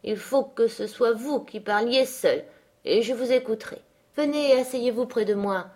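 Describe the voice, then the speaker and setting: A woman's voice: on the high side, normal speed, a little mellow, lightly acted. Woman reader as a sickly, fretful young man in a storybook. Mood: plaintive.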